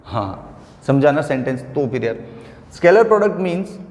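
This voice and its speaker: A man teaching physics at a board in an informal, chatty way, calling students friend and repeating terms slowly so they can take notes. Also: a little high, very animated, darkish tone. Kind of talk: classroom lecture at a board. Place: classroom with a large board. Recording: echoey room with long reverb.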